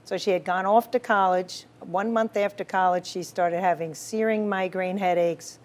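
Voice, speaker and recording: A woman's voice: mid-range voice, steady tone, moderate pace. A woman doctor being interviewed, explaining medicine and cases in a confident, explanatory way and often saying "right.". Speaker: physician, guest.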